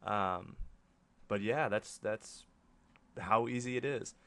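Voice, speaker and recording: A man presenting a casual, offhand software tutorial as a voice-over to a screen recording. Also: lowish voice, slow pace. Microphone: close microphone, voice-over for screen capture.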